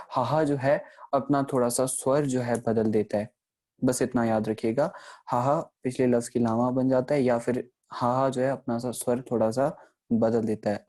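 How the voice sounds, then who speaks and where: Male teacher, warm low-toned delivery, patient step-by-step explaining with frequent check-ins. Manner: patient explaining, checks in often with "theek hai"; slows down to sound out example words. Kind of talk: recorded online grammar lesson.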